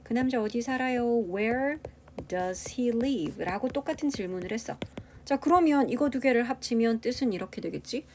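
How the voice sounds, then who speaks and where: A woman's voice: on the high side, animated, moderate pace, darkish tone, slight background noise. A woman English teacher giving a grammar lecture, explaining step by step and asking the class rhetorical questions.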